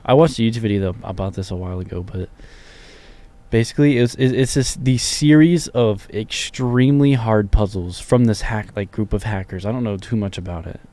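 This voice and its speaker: A man's voice: lowish voice, fairly quick, dark tone. A young man, co-hosting a casual podcast chat, unsure of the details and stumbling through restarts. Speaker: podcast co-host.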